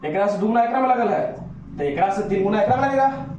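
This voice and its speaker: A man's voice: sits high, lively intonation, fast, a little mellow, highs cut off, a little hiss or hum. A male teacher giving a grammar lesson, stretching vowel sounds out to demonstrate them and coaxing his students with questions. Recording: very echoey room.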